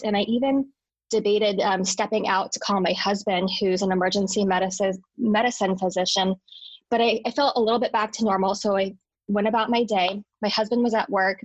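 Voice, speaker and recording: A woman's voice: mid-range voice, no room sound, rough recording. Woman telling a story, dry sound. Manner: earnest storytelling with restarts and medical terms. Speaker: interview guest, hospital worker. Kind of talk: personal story in conversation.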